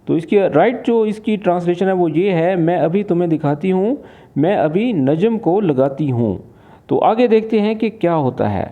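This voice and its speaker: A man from Pakistan, an Arabic teacher, patiently explains and translates spoken phrases. His voice sits high with lively intonation, and the recording has a lo-fi, phone-like quality.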